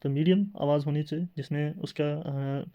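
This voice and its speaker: A man's voice: a little high, fairly even intonation, moderate pace, muffled recording. A man teaching a classroom lecture in tinged speech, explaining step by step with rhetorical questions and filler sounds.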